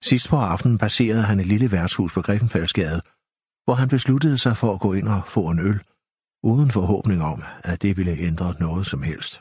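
A man narrating an audiobook in a measured, even reading. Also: on the low side, husky, no room sound, studio quality. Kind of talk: scripted narration. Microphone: close studio mic.

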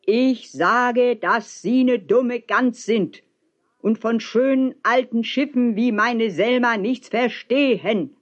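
A woman voicing a stubborn, loud old bargeman who talks in a blunt, grumbling way. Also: mid-range voice, lively intonation, measured pace, highs cut off, lightly acted. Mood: bellowing.

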